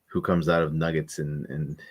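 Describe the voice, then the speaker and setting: A man's voice: rumbling low, little pitch movement, normal speed, slightly rough. A man co-hosting a casual sports talk stream, thinking aloud with many hedges and restarts. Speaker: podcast co-host.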